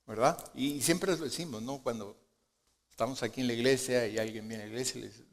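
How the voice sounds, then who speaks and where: A man preaching a sermon as pastor, asking rhetorical questions and moving between soft low asides and loud emphatic lines. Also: fast talker. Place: church sanctuary. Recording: long hall reverb of a church sanctuary.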